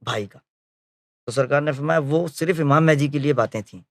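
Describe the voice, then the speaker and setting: A man whose voice is on the high side retells his memories of a spiritual leader as a story, acting out quoted conversations. He frequently lingers on filler phrases and corrects himself, with no echo in the audio.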